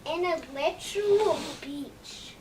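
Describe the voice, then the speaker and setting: A young woman chatting casually in a movie review, excitable and emphatic, leaning hard on "literally". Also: very high-pitched, takes it slowly, far from the mic, a little hiss or hum.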